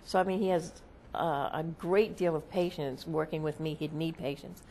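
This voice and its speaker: Deep and warm, a woman's voice describes her trance channeling as a seance medium in a casual interview, with slight background noise. She halts often and checks in with "okay?".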